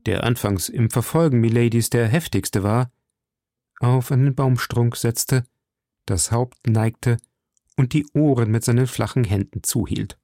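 A man narrating a classic novel in a slow, deliberate read-aloud style. His pitch is ordinary and his pacing unhurried. The recording is close and dry, with almost no room sound. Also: mellow, dry recording. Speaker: narrator, audiobook reader.

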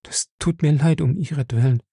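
A man raising his voice to play a fretful young woman in an audiobook, her lines lifted high and hurried. She sounds worried and urgent, over a gravelly undertone in a dry recording. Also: warm tone, no echo. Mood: anxious. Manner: worried, urgent, breathless questions. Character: anxious young woman, caring sister.

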